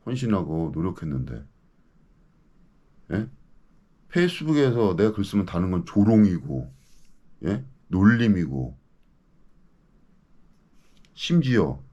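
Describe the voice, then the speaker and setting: A man in his fifties rants with mounting indignation, his pitch leaping and dropping in lively swings. His voice sits low and dark. Again and again he demands answers from the people he is addressing. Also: lo-fi sound. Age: 50s. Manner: indignant, ranting, keeps demanding "예?". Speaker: local news commentator. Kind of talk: ranting monologue to camera.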